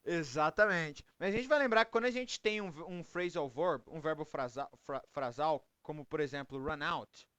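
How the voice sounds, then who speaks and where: A man's voice: fairly high pitch, moderate pace, few pauses, a bit bright, smooth, no room sound. A Brazilian man teaching English to a group in Portuguese, often checking in with "ok?" as he explains. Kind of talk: online English class.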